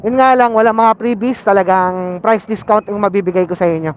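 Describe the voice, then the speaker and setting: Speaking fairly quickly with a high voice and fairly even intonation, a Filipino man vlogs from his motorcycle in city traffic. His casual talk is full of fillers and mixes in English phrases. The Bluetooth helmet intercom linked to his action camera yields muffled audio with faint vehicle and road noise.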